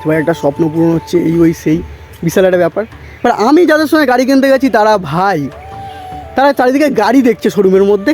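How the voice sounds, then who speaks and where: Young man, high voice, casual vlog, chatty, self-filmed on handheld camera, faint music behind. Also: a little mellow. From West Bengal, India. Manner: chatty, keeps saying "bhai" and "thik ache". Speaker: vlogger.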